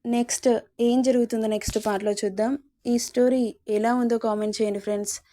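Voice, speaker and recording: A woman storyteller reading a romance story in calm, even storybook narration. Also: on the high side, fast.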